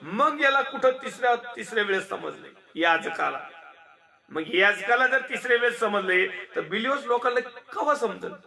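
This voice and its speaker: Very high-pitched, bright male preacher. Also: normal speed, gravelly. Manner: animated, laughing and rhythmic lists. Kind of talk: sermon.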